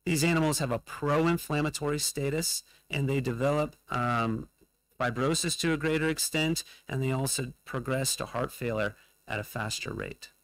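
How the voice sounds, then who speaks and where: Gravelly-voiced male scientist giving a lecture. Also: medium pitch, fairly bright tone, no echo, low-quality recording. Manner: measured, with frequent fillers and pauses. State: losing his voice. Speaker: conference presenter. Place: conference hall.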